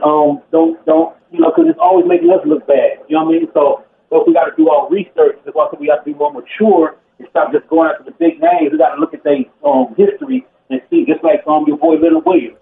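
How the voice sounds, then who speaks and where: A man's voice: fairly high pitch, sing-song, a little fast, vocal fry. A man calling a sports show by phone from just outside a bar, giving emphatic, repetitive, informal opinions. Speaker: phone-in caller. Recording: roomy, noisy, muffled phone line.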